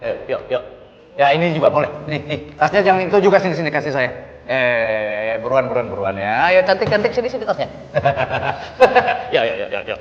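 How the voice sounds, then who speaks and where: An actor playing a slick male trafficker who poses as a job agent, bossy and hurried, always urging people on. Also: mid-range voice, expressive, long reverb tail, dull audio, slight background noise, close to an everyday voice. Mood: impatient. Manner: bossy, hurried, sneering, keeps urging "ayo".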